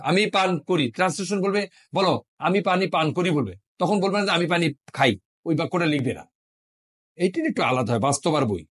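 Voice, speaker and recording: A man's voice: on the high side, animated, normal speed, fairly bright tone, husky. A middle-aged man from Bangladesh teaching a French class, patiently drilling pronunciation and explaining usage. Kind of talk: classroom lesson.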